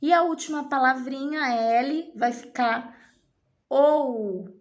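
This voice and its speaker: Woman, primary teacher, patient, slow and deliberate, fairly high voice. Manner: patient, stretches key words slowly, checks in with "tá?". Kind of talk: primary school lesson walkthrough.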